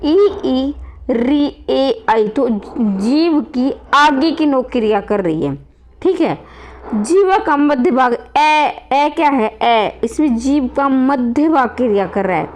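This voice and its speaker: A woman's voice: high-pitched, expressive, takes it slowly. A woman teaching grammar to students in a classroom-style lesson, calling them children, repeating points and asking rhetorical questions.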